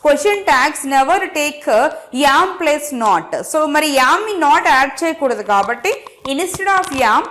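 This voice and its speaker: A woman with a Telugu accent teaching an online grammar lesson, her voice very high and bright. She dictates each example word by word at a slow, careful pace, then races through explanations in Telugu mixed with English. She repeats the key words and keeps checking that students follow. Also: expressive.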